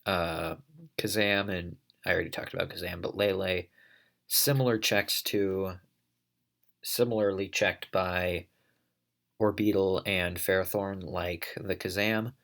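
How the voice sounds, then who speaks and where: A league commentator gives casual play-by-play of a competitive online battle, his low, gravelly voice a bit bright with fairly even intonation at a measured pace. Congested from allergies, he coughs and thinks aloud as he goes.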